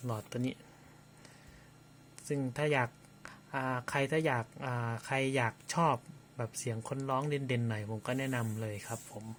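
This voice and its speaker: A man giving a casual, polite review of audio gear, pausing with fillers and restarting sentences. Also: medium pitch, steady tone, fairly bright tone, slight background noise.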